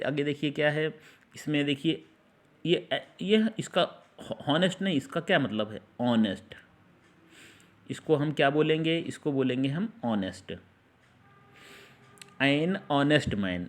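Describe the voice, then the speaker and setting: This male teacher explains English articles in Hindi, classroom style, his voice sitting at a normal mid pitch. Taking every example slowly, he repeats important sounds and constantly quizzes the students.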